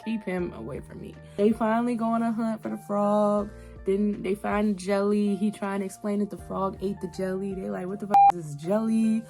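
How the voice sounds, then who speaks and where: Reviewing an animated series on YouTube, a young adult woman keeps her commentary casual and animated, using slang and emphatic repetition. She has a mid-range voice at a moderate pace, and background music can be heard.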